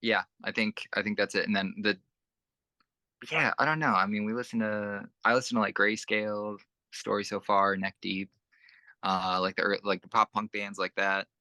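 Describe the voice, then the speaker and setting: A man's voice: on the low side, fairly even intonation, normal speed, bright, forceful tone, dry recording. A young man who plays in a band, chatting casually in an interview and rambling with lots of fillers and restarts. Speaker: band musician, interview guest.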